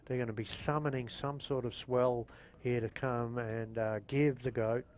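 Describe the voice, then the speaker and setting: A man's voice: fairly even intonation, moderate pace, darkish tone. A man giving casual live surf co-commentary in a chatty, colloquial way full of exclamations. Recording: clear rumbling background noise.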